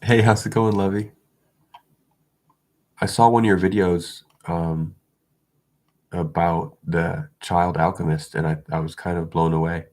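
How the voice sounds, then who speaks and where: A video creator with a deep, level voice chats casually to his viewers at a measured pace, leaving long pauses. Sniffly and congested from an illness, he rambles, restarts often, and chuckles softly.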